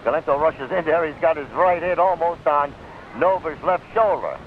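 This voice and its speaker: Heard through a tinny, noisy 1939 radio broadcast recording, an American man gives blow-by-blow boxing commentary in 1930s radio style. His pitch is fairly high, his speed normal, and he's ringside at an outdoor stadium.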